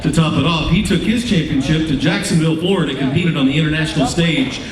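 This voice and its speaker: A man's voice: fairly high pitch, quick pace. A man hosting a live contest, announcing and introducing guests on stage. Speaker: contest host. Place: echoey event stage with PA. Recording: echoey, distant PA, clear noise.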